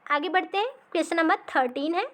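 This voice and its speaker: With a fairly bright tone, a light, high-voiced woman runs an exam-practice lesson. She moves slowly, says every point again, and checks in after nearly each line.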